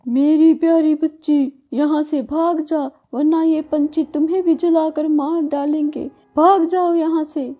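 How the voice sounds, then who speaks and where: A woman doing a slow, menacing witch-bird mother. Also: mid-range voice, dark tone, muffled recording, soft background music, lightly acted. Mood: shrieking defiant. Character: wicked mother witch-bird, cruel and hungry.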